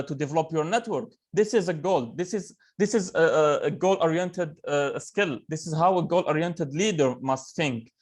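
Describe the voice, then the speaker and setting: Earnest young man from Algeria. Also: fairly high pitch. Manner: earnest, many fillers and restarts. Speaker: webinar speaker. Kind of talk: motivational talk on a video call.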